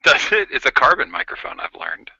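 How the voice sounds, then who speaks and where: A man's voice: mid-range voice, wildly swooping pitch, brisk, vocal fry, bright, forceful tone, husky, no echo, dull audio. Man on a gritty old carbon phone mic. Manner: playful, jokey show-and-tell. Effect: speaking through an old carbon microphone from a 1950s hotel phone. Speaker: podcast co-host. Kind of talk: casual chat.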